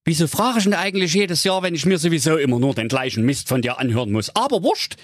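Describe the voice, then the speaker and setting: A man's voice: a little high, animated, fast, dry recording, studio quality, pitched above the performer's own voice. A man voicing a bubbly, cheerful young nephew who gushes with joy. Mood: gushing. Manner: bubbly, gushing.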